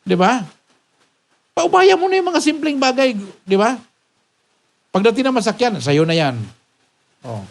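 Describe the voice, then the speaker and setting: A man preaching a sermon as a pastor. He keeps asking "Ha?" to check on his listeners, climbs to emphatic peaks, and drops low and soft when he tells a story. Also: very animated, measured pace, vocal fry, pauses often. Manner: preaching with frequent rhetorical "Ha?" checks.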